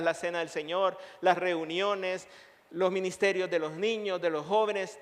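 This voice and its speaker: A male pastor preaching a sermon, emphatic, building his points through long repeated lists. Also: high-pitched. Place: church sanctuary. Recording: long reverb of a church hall.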